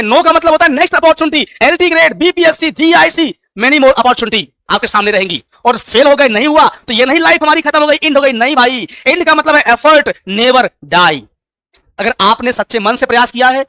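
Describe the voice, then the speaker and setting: A man's voice: extremely high pitch, pushed and bright, no echo, clean studio sound. A man who teaches exam aspirants, giving a fervent motivational speech full of rhetorical questions, repeated commands and rhyming proverbs.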